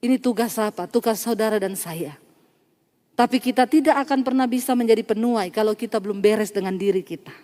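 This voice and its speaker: A woman's voice: medium pitch, fairly quick, dark tone, big-room sound. A woman preacher delivering a sermon, telling a story with acted quotes, sudden emphasis and laughter.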